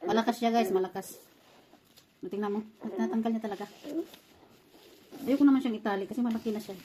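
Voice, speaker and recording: A young mother with a fairly high voice talks to her viewers in a casual vlog, explaining each step as she works. She keeps up a running commentary between soft, coaxing words to her child, recorded indoors at home. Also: fairly quick, slight background noise. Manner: chatty, talking viewers through a task while coaxing her child. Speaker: mother caring for her baby.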